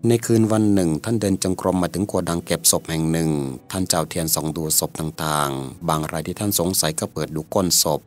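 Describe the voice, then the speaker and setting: Deep-voiced male story narrator. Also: a little fast, hardly any pauses, faint music behind.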